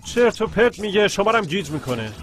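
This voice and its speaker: In dubbed film dialogue with background music, a man voices an indignant character who argues insistently that the house is his. He has a mid-range, very animated voice that sounds natural.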